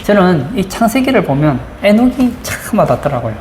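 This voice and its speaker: A woman pastor preaches a sermon in a church sanctuary, often asking the congregation rhetorical questions. Her fairly low voice is sing-song and a little mellow at a moderate pace. The recording has roomy church acoustics with faint background noise.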